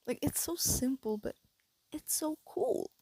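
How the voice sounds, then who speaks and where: A teenage girl rambling in a casual vlog with a breathy voice and a stuffy nose, talking through retainers and hesitating often as she thinks aloud into a close phone mic. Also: high-pitched, sing-song, measured pace, warm tone, no room sound. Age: teens. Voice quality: breathy, slight lisp from wearing retainers. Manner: hesitant, thinking aloud with many fillers and restarts. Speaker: vlogger. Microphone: phone held close.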